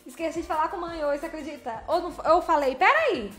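A woman's voice: high-pitched, fast, fairly bright tone, echoey room, soft background music. A woman chatting casually on a livestream while driving, playfully greeting viewers by name. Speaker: livestreaming truck driver. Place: vehicle cab while driving.

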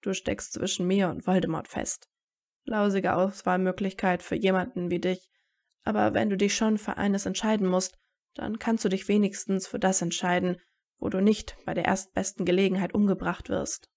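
A blunt teenage wizard hero, sarcastic and determined, talking straight to the point, as a woman reading a fan story gives him voice. The voice has a gravelly, creaky grain. It stays near her own reading voice. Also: medium pitch, level tone, moderate pace, darkish tone. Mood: blunt, tense.

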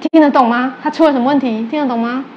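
A woman's voice: sits high, quick pace, lo-fi sound, slight background noise. A woman with a Taiwanese Mandarin accent that mixes in Hokkien, giving a sermon as a religious teacher. She tells stories, acts out quoted exchanges and asks her listeners questions. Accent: Taiwanese Mandarin, mixing in Taiwanese Hokkien. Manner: animated storytelling, acting out quoted exchanges.

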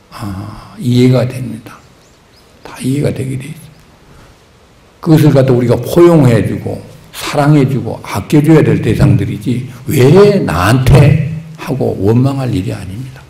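A man's voice: medium pitch, vocal fry, dark tone. A man, a Buddhist monk, giving a conversational sermon with rhetorical questions and acted-out everyday speech. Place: temple hall. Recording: echoey temple hall.

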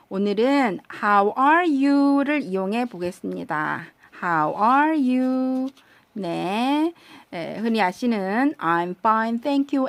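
A woman teaches an English lesson at a very unhurried pace, saying each practice phrase over and over. Her patient voice sits at a mid pitch. The recording is close and dry, with no room sound. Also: no room sound.

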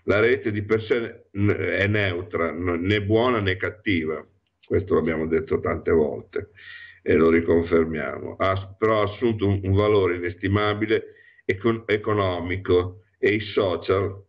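A man hosting a radio show alone, speaking haltingly with many fillers while ill from allergies. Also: deep voice. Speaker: radio host. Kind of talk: reflective radio monologue. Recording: dull lo-fi radio audio.

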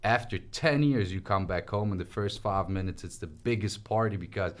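A man's voice: fairly low pitch, moderate pace. A young man from Switzerland, telling his story casually as a guest in a small podcast studio. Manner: relaxed, chatty storytelling with gestures. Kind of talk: casual interview conversation. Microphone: studio mic on stand.

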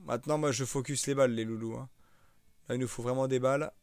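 A man's voice: mid-range voice, steady tone, quick pace, clean tone, no room sound. A young man streaming a live survival game, chatting casually, joking and answering viewers in the chat. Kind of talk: live gameplay commentary.

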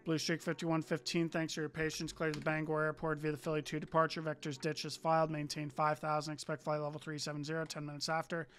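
A man's voice: a little high, monotone, quick pace, hardly any pauses, fairly bright tone, soft background music. A young man acting as an air traffic controller, giving clipped, procedural radio instructions for a flight simulator.

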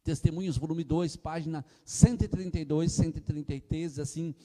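An older man with a Brazilian Portuguese accent preaches with passion, pressing his points and calling out to the congregation. His voice sits fairly high for a man. He speaks into a handheld mic, and the church hall rings with a long reverb. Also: steady tone, fairly quick, warm tone. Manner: impassioned preaching, often calling the congregation "irmãos", retelling anecdotes. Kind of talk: sermon. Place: church platform indoors.

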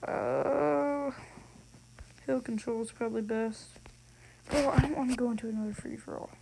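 On a noisy, click-filled recording, a gaming video host talks casually and excitedly through gameplay, using slang and blurting out frustrated exclamations. His mid-range voice is creaky and moves at a moderate pace.

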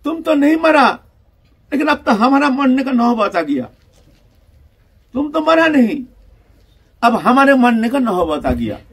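A man's voice: fairly high pitch, steady tone, measured pace, husky. A man voicing a group of frightened male executioners who plead for their lives in raised, agitated voices, within a devotional story. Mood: panicked pleading.

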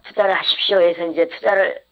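An interviewee in their fifties speaks through an electronic voice changer that disguises who they are. The speech is hesitant and halting, with many restarts. The altered voice comes through dull and lo-fi, at a middle pitch. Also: fairly even intonation. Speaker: interviewed investment fraud victim. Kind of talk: anonymous radio interview.

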